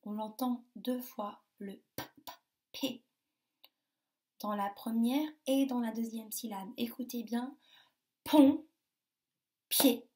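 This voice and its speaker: Sounding out words slowly and emphatically, with over-articulated syllables, a woman gives a phonics lesson to young children. Her voice is fairly high, steady, and mellow.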